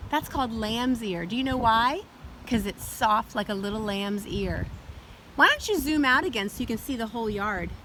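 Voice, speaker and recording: A woman hosting a storytime show for young children, talking to them in an overbright, animated kids' host manner outdoors. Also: fairly high pitch, normal speed, low-quality recording. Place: outdoors in a yard and treehouse. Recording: outdoor ambient noise, windy day.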